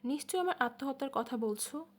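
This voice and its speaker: A woman's voice: high voice, animated, fast. A woman voicing a brooding young man who asks blunt, probing questions.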